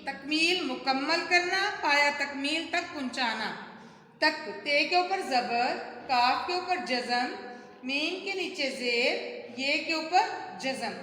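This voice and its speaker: A woman's voice: high voice, pushed and bright. A woman teaching a primary school Urdu lesson to children, patient and explaining step by step. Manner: patient, explains step by step, addresses pupils as "beta". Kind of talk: recorded homework lesson for children. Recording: strong echo, long hall reverb.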